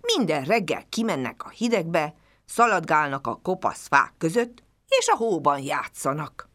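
A woman's voice: low voice, very animated, a bit bright, heavily acted. A woman voicing a curious, boastful little male hedgehog in a children's story, with eager chatter.

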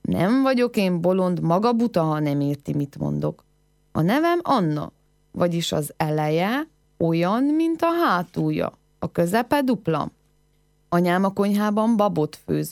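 A woman's voice: lowish voice, gravelly, a little mellow, dry recording, clean studio sound. A woman voicing a clever young village girl in a folk tale, with pert, teasing riddle answers.

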